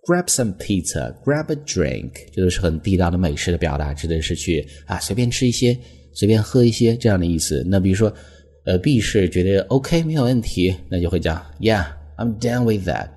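A man teaching English phrases as a lesson, explaining patiently and reading example sentences slowly. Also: low-pitched, very animated, warm tone, husky. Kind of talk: language lesson.

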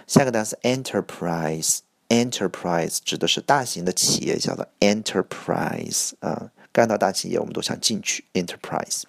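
A man teaching English vocabulary for an exam, repeating each word slowly and explaining it in Chinese. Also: low-pitched, creaky, dry recording. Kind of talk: IELTS vocabulary lesson.

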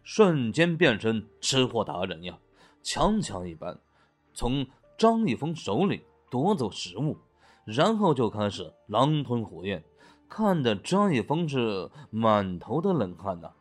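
A man tells a web novel aloud in a playful, animated manner. His pitch is moderate and swings widely. Soft music sits faintly beneath his voice. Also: unhurried. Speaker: audiobook narrator. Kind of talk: storytelling narration of a web novel.

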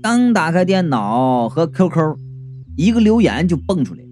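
A male storyteller with a slightly high voice reads a comic ghost story in the first person, his pitch swinging lively from line to line. He drops in wry, jokey asides along the way. Faint music plays under the narration. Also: normal speed.

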